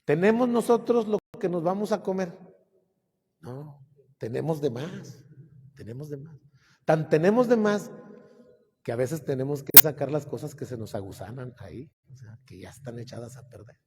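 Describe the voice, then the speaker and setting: Folksy older priest, echoing hall. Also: male voice, fairly high pitch, fairly quick, breathy edge. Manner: folksy, humorous storytelling with asides and acted quotes. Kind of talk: homily retelling gospel stories.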